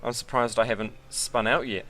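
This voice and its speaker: A man's voice: fairly low pitch, fairly even intonation, brisk, fairly bright tone, slight background noise. A man giving casual, rambling and self-deprecating commentary while sim racing.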